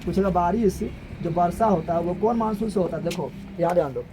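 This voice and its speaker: A male teacher, giving an animated classroom lecture and firing repeated questions at his students. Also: sits high, a little fast, background noise. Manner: animated, repetitive questioning, colloquial Hindi with regional forms. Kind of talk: classroom lecture with call-and-response.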